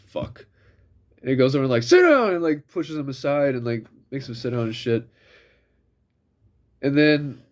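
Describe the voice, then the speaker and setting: A man's voice: mid-range voice, darkish tone. A young man telling stories from his old job in a blunt, profane way, acting out what people said in mocking voices. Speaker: vlogger. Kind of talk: casual storytelling monologue.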